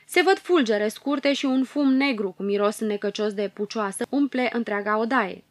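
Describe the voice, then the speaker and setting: A woman reading a fairy tale aloud as an audiobook narrator, in an expressive storytelling manner. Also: on the high side, dry recording. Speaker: audiobook reader.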